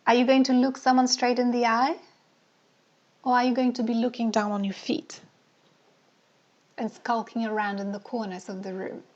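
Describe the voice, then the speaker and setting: A woman with a fairly high voice runs a live online coaching session on dating. She fires off questions to her audience and repeats phrases for emphasis. The sound is muffled and lo-fi. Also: a little mellow. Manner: asks many rhetorical questions and repeats phrases.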